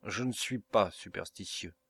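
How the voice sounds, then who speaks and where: A man voicing a brooding, proud middle-aged Italian nobleman, speaking in a grave, measured way for an audiobook. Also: lowish voice, vocal fry, fairly bright tone, slightly rough, dry recording, heavily acted. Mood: uneasy.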